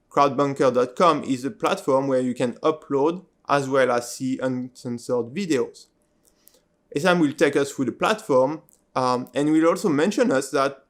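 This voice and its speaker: A male host whose first language is French, earnestly explaining his point to viewers and often asking "right?". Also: mid-range voice. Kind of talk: video introduction and interview.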